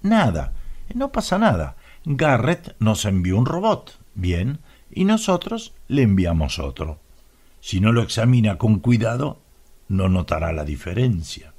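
Brief: polite, sly gentleman host in an audiobook, husky and expressive, Latin American Spanish accent, read by a man. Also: lowish voice, unhurried, exaggerated voice. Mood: ironic. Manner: polite, ironic. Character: smooth, ceremonious host, Stendhal.

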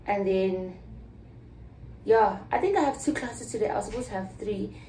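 With a medium pitch, a dark tone, and a moderate pace, a young South African woman, a student vlogger, rambles to her phone camera at arm's length in a small dorm room, sometimes whispering asides. The recording is rough, with a little hiss or hum.

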